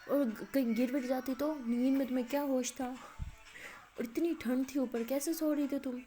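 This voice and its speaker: A woman's voice: sits high, steady tone, dark tone, faint music behind, lightly acted. A woman voicing a playful, doting young woman who teases her girlfriend. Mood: fussing. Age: young adult. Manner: playful, doting, exclaims often.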